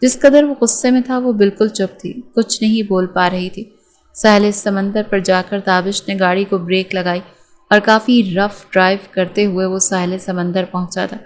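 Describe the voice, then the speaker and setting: A woman reading a romance novel aloud as an audiobook narrator, in a steady storytelling manner. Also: medium pitch.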